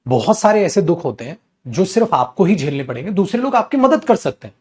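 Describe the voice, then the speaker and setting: A man teaching an exam-prep English class while running a fever, animated and addressing students as son and brother. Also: high-pitched, fairly quick. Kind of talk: classroom lecture.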